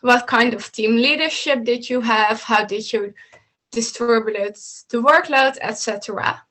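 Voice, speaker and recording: Presenting slides to her students over a video call, this coach speaks at a measured pace in a bright, pushed voice that sits on the high side. Her delivery is steady and instructive, though she slips and restarts now and then. The setting is an indoor home room with bookshelves.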